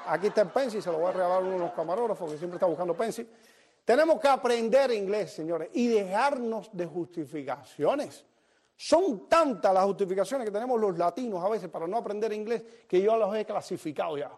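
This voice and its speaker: A man's voice: sits high, fast. A man hosting a TV comedy show, telling jokes and acting out the dialogue in his stories. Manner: animated storyteller acting out dialogue. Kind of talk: comic monologue to the camera.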